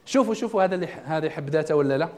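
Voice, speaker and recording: Male trainer, high voice and brisk delivery, quizzing his class. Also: animated. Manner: asks the audience questions; religious quotations in the talk. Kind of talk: self-development lecture to a class.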